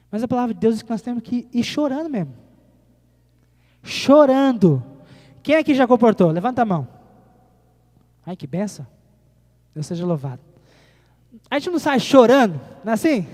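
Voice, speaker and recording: A man preaching a sermon, swinging between loud appeals and quiet moments and putting questions to the congregation. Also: high voice. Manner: animated preaching, rising and falling, rhetorical questions to the congregation. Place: church hall. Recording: reverberant church hall.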